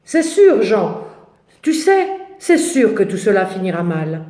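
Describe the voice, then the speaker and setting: A woman's voice: mid-range voice, very animated, measured pace, warm tone, voice pushed down. Woman voicing an anxious, grumbling male disciple, echoey. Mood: gloomy foreboding. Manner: agitated, complaining, exclamatory. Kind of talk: dramatic biblical storytelling. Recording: echoey, roomy sound.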